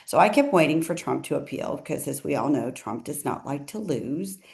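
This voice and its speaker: A woman's voice: low-pitched, lively intonation, brisk, gravelly, a little mellow. A woman attorney giving casual legal commentary in a chatty way, often correcting herself and adding asides.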